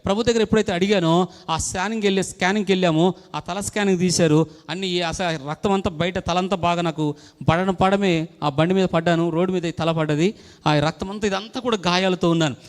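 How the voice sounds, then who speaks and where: A man's voice: high voice, steady tone, brisk, clear, resonant tone, in a large hall. A middle-aged male pastor giving a fervent testimony sermon, with many restarts. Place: church hall.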